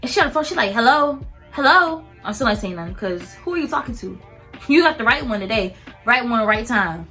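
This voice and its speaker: A young woman in a casual storytime rant about fast food work, animated and mimicking customers. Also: a little high, faint music behind. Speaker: vlogger and fast food worker.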